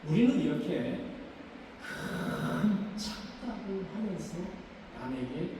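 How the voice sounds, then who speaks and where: A man's voice: high-pitched, lively intonation, slow pace, warm tone, distant mic. A male pastor preaching a sermon, quoting scripture and acting out an accuser's harsh words. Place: church sanctuary. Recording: echoey church hall, mic from afar, faint noise.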